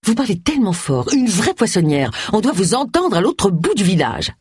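A woman reading aloud voices a snobbish, sharp-tongued lady of the manor who talks with mocking scorn. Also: mid-range voice, sing-song, normal speed, husky, no room sound, studio quality, pitched above the performer's own voice. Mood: scornful.

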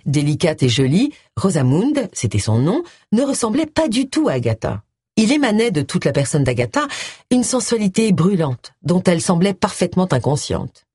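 An audiobook reader doing scripted narration with an expressive, lively delivery. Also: mid-range voice, normal speed, breathy edge, no room sound, studio quality.

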